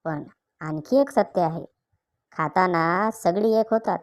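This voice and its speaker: Slow, even-voiced woman reading jokes. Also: lowish voice, very noisy. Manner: slow, measured storytelling with canned laughter breaks. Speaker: joke narrator.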